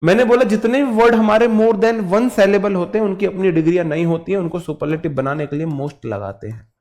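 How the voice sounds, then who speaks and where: A man with a Haryanvi accent teaching an online English grammar class, lively and teasing, acting out his students' questions. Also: sits high, fairly quick. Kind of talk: online exam-prep grammar lesson.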